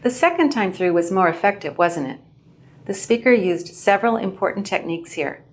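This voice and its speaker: A woman instructor giving a clear, measured lesson on how to present well. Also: mid-range voice, expressive. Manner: clear, measured teaching delivery. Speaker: English language instructor. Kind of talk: instructional video narration.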